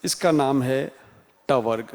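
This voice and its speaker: A man teaching a Hindi class in a slow, deliberate way with a Rajasthani accent, sounding out each letter one by one. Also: mid-range voice, darkish tone. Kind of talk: classroom lecture. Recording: reverberant room sound.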